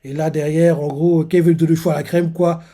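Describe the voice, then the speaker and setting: A man with a voice pitched a little high walks through a manga chapter live, panel by panel. He keeps stopping with "euh" between lines and reads the characters' lines in passing. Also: little pitch movement, fairly quick, dark tone. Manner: hesitant, full of "euh", narrating panel by panel. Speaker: manga reaction youtuber.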